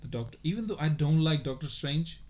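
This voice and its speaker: A man's voice: fairly high pitch, animated, fairly quick, a little mellow. A man co-hosting a podcast, chatting casually and rambling with lots of swearing and filler words. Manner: rambling, profane, full of "like" and "you know". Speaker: podcast co-host. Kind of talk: casual chat.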